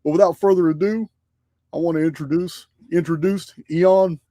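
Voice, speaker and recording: A man with a somewhat high, steady voice and dark tone hosts a live online show from his home studio, chatting casually at a moderate pace. He's a podcast host who rambles, often repeating and restarting his phrases. The recording is dry and studio quality.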